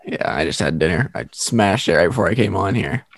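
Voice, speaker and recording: A man's voice: low voice, a little fast, vocal fry, slightly rough, dry recording, studio quality. A young man co-hosting a podcast, chatting casually and laughing often as he tells stories. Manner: laughs often, animated storytelling. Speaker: podcast co-host. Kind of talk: casual chat.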